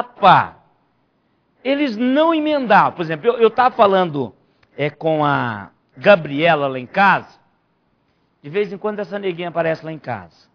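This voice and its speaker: A man, a pastor, teaching a Bible study and stressing key phrases by repeating them. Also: sits high. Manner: emphatic preacher, repeats key phrases, rising to near shouts. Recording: dull lo-fi church recording.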